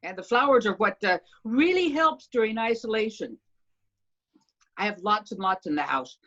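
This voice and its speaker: A woman's voice: mid-range voice, lively intonation, moderate pace, a bit bright, lo-fi sound. A cheerful woman on a video call greeting friends with bubbly enthusiasm. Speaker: community member.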